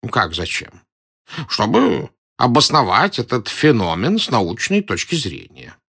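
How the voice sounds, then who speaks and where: A man's voice: medium pitch, huge pitch swings, unhurried, creaky, fairly bright tone, slightly rough, heavily acted. A man playing a timid, pedantic elderly male professor in an audiobook, whining and indignant. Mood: fussy, whiny. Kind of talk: audiobook character voice.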